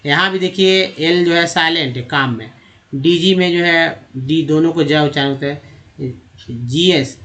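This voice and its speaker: A man gives a slide lesson on reading English. He spells out letter groups one at a time and sounds out each word part. His voice sits a little high for a man. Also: a bit bright. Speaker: English teacher.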